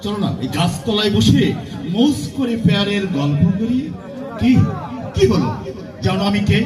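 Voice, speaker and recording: A man acting a lecherous, boastful, menacing villain in hammy, declamatory folk-theatre style, with drawn-out words and sudden swells. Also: sits high, expressive, far from the mic. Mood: oily, flirtatious, boastful. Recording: echoey stage PA from afar, music, crowd.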